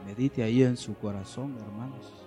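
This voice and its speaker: A man preaching a sermon at a church service, slow and emphatic, repeating phrases and swinging between loud declarations and hushed pleading. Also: medium pitch, steady tone, soft background music. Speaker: pastor.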